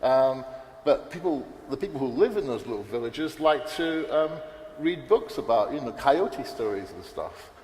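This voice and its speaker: A man with a medium-pitched, sing-song voice that's a little mellow talks at a moderate pace on a conference panel. He rambles without a script, often restarting and using fillers, while the large hall adds reverb over faint background noise.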